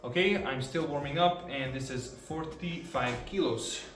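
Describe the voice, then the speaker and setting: A man's voice: medium pitch, measured pace. A man filming a casual training vlog, explaining his exercises between sets with many fillers, sometimes out of breath. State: out of breath at times. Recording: roomy sound from a far camera, faint music.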